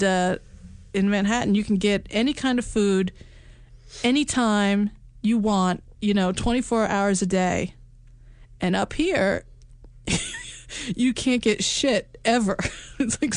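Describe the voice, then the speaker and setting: Talky middle-aged lady cohosting a podcast, laughs a lot, dry mic, pretty average pitch. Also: a little mellow, dry recording. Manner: chatty, laughs often, trailing restarts. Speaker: podcast co-host. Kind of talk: casual chat. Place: home in upstate New York.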